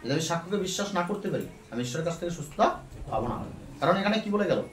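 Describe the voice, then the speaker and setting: A man's voice: on the high side, expressive, fast, slight background noise. A man giving a fervent spoken testimony at a church meeting, repeating his words of praise. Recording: echoey hall, mic off at a distance.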